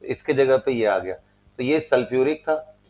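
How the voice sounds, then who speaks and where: A man's voice: medium pitch, lively intonation, normal speed. A man teaching a chemistry class in a lecture style, spelling out terms letter by letter and checking in with his students. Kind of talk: classroom lecture mixing Hindi and English. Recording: tinny phone-like lo-fi sound.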